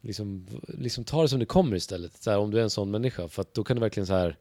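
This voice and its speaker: A man's voice: lowish voice, no room sound. A man who is a stand-up comedian, chatting casually as a podcast guest and telling stories animatedly, with plenty of swearing and filler words. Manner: animated storyteller, acts out other people's lines.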